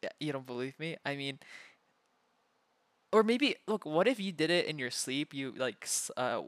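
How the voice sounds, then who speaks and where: A man's voice: a little high, animated, moderate pace, fairly bright tone, no echo. A man voicing an evasive, playful femboy prankster in an ASMR role-play, stammering and repeating himself as he protests. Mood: flustered denial.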